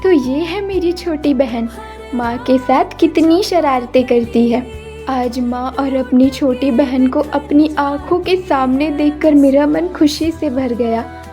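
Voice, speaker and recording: A woman voicing a sorrowful young woman cursed into a flower, speaking a soft, longing inner monologue over background music. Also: high voice, slow. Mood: fond. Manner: wistful, soft, inward monologue. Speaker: voice actor. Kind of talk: dubbed cartoon acting.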